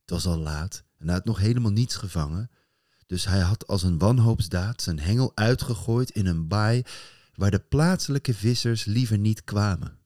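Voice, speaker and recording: Male storyteller with a low voice, animated, building tension through a told folktale. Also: normal speed, dry recording, studio quality. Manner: animated, building suspense with rising intensity.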